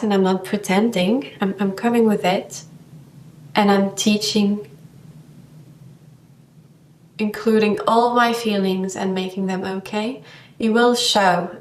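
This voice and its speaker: Female yoga teacher, vlog monologue, unhurried and searching for words, sits back from the mic. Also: mid-range voice, reverberant, recorded from a distance, slight background noise. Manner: slow, thoughtful, searching for words.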